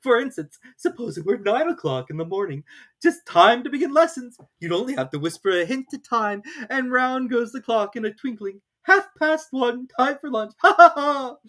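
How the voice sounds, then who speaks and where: A woman's voice: fairly high pitch, lively intonation, normal speed, a bit bright, voice pushed up. A woman voicing an eccentric, grumbling male Hatter from a storybook, emphatic and contemptuous. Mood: animated.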